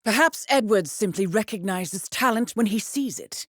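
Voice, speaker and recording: An actress voices a composed, dryly witty intelligence handler briefing an assassin in a video game, in a formal, understated and ironic manner with a wry mood. Her medium-pitched female voice is close to an everyday one, with lively intonation and a moderate pace. The recording is dry and studio-clean.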